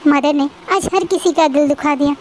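A woman voicing a grieving young man who speaks softly and haltingly in a storybook retelling. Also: high-pitched, slight background noise, close to an everyday voice, low-quality recording. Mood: hurt. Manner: soft, tearful, halting.

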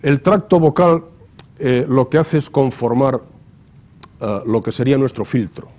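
A man lectures to his class in a mellow, dark voice, walking through the material step by step. He keeps checking in with rhetorical questions. The recording is muffled and lo-fi. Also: medium pitch, unhurried. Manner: explanatory, asks rhetorical questions with frequent tag "¿no?". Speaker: university lecturer.

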